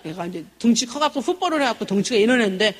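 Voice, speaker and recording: A woman's voice: fairly high pitch, animated, rapid-fire, slightly rough. A middle-aged woman giving a church parenting seminar, telling family stories expressively and acting out the dialogue. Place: church hall. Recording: echoey church hall.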